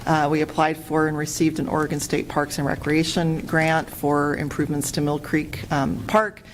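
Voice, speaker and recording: A woman's voice: low voice, level tone, normal speed, a little hiss or hum. A woman on city staff presenting a public works update at a budget meeting, hesitant and full of fillers, in a meeting room.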